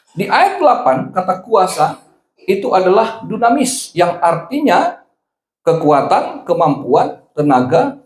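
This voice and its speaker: A male pastor preaching a sermon, telling stories and acting out the dialogue in quotes. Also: high-pitched. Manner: storytelling, acts out dialogue in quotes. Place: church sanctuary. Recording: echoey church hall.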